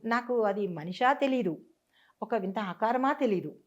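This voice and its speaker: A woman guest telling a personal story in a conversation, earnest and halting, restarting and repeating herself. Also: a little high, animated. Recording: dull lo-fi sound.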